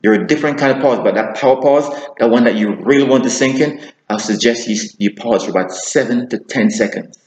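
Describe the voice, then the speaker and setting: A man teaching public speaking, talking to camera and deliberately shifting his pace, slowing down for emphasis. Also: medium pitch, a little mellow, roomy sound, rough recording. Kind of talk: instructional talk to camera.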